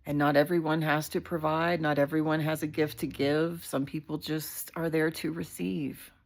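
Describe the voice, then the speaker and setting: A woman with a notably low, deep voice talks into her phone on a live stream. She is heartfelt and candid, loose with fillers and an occasional swear word. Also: level tone, moderate pace, gravelly. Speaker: community leader hosting a live video. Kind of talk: casual livestream talk.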